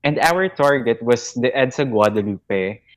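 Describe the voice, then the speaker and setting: This guest talks slowly and carefully. The tone is polite and steady, like someone making an announcement in a relaxed chat. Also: medium pitch. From Philippines. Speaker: guest, fan club representative. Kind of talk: casual podcast chat.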